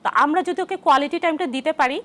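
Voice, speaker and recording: A woman talking about her child as a guest on a studio talk show, chatting casually and often pausing to rephrase. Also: sits high, sharp tone. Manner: conversational, frequent "mane" fillers.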